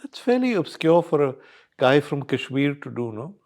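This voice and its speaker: A man's voice: fairly high pitch, very animated, moderate pace, a little mellow. A man, asking questions conversationally as an interviewer.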